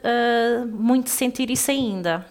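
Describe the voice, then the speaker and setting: A woman's voice: a little high, slow, creaky. A woman in her thirties with a European Portuguese accent, chatting casually with a friend as a podcast co-host. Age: 30s. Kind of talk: casual chat between friends.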